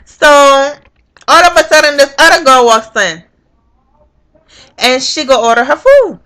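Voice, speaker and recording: Young woman vlogger, unhurried and bright-toned, cursing as she tells a story and plays out every quote. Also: high voice. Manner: animated, profane storytelling, acting out quotes. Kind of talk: casual storytime vlog.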